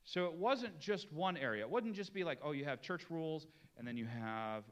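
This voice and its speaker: Middle-aged pastor guy preaching, voice sits a bit high and jumps all over, stretches out the big words. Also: dull audio. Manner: animated preaching, drawn-out emphasis on key words. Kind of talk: sermon.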